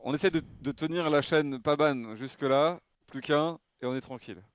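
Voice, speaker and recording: A man's voice: fairly high pitch, normal speed, clear, resonant tone, dry recording. A man streaming live in casual, joking chat, laughing and exclaiming.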